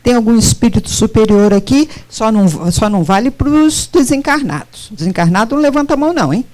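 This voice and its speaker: A woman's voice: fairly high pitch, brisk. A middle-aged woman giving a spiritist lecture, often putting questions straight to her audience. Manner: animated, questions the audience directly.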